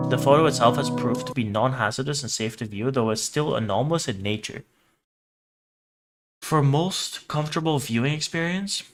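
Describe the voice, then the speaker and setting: A casual man with a mid-range voice livestreams over music, reacting to horror videos. He trades blunt, sweary, teasing banter with his chat and also reads on-screen text aloud.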